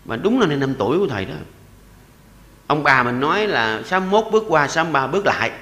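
Older monk in his 60s, southern vietnamese accent, bright lively voice, jokey sermon, slows down for chants. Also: on the high side, reverberant, in a large hall. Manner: lively and joking, often chuckling; slows to recite verses and repeated chants. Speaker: Buddhist monk giving a dharma talk.

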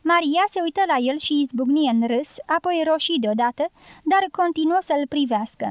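Female audiobook narrator, high voice, steady reading, dry close mic. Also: no room sound. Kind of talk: scripted narration.

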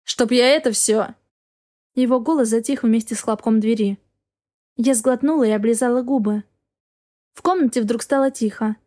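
A woman's voice: fairly high pitch, moderate pace, mellow. A woman narrating a first-person story as an audiobook reader, with an intense, dramatic delivery.

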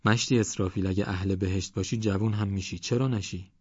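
Man playing a tired village preacher, low husky voice, measured, dry muffled sound. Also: fairly even intonation, a little mellow, no room sound. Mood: earnest. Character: weary village preacher, gentle and earnest.

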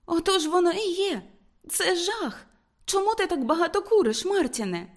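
A woman's voice: very high voice, moderate pace, pitched above the performer's own voice. A woman voicing a refined young woman in an audiobook, reproachful and pleading. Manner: reproachful, pleading, raised and lively. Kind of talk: audiobook character reading.

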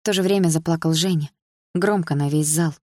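Low-voiced woman narrating an audiobook. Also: a little fast, darkish tone, no echo, studio quality. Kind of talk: first-person audiobook narration.

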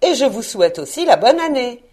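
A woman voicing a cheerful, earnest young man who pleads warmly and eagerly. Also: mid-range voice, very animated, unhurried. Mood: pleading.

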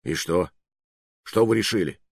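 A man's voice: low voice, animated, a little slow, husky, no echo, clean studio sound, exaggerated voice. A man voicing a mocking bearded officer captured by rogues, in an audiobook reading. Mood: ingratiating. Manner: sneering, scoffing. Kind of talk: audiobook narration.

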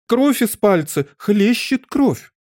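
Guy putting on a high fussy old queen, wails and frets, storybook reading, warm low-key tone underneath. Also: animated, normal speed, no room sound, clean studio sound, natural voice. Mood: shrieking. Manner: wails and cries out, fretful. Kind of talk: audiobook character voicing.

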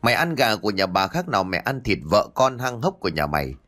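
A man plays a sharp-tongued village mother-in-law, cursing in long, shrill tirades with a scolding bite in every line. The performance is heavily acted, very animated and fast, with faint music in the background.

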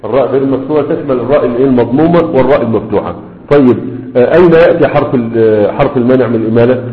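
A man's voice: medium pitch, very fast, roomy sound, big-room sound, narrow, tinny audio. A man with an Egyptian accent teaching a grammar lesson, checking in with his students again and again as he explains. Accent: Egyptian Arabic. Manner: checks in with students often, repeating questions. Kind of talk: classroom lecture.

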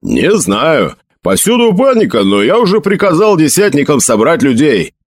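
A man voicing a rough soldier who yells at his troops. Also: a little high, sing-song, moderate pace, no echo, pitched above the performer's own voice. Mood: gruff urgent. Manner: gruff yelling. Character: rough male sergeant-type officer, bold.

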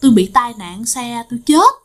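A woman voicing the ghost of a man killed on the road, pleading softly and repeating her begging in a told ghost story. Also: a little high, sing-song, moderate pace. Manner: soft, begging, repeating pleas.

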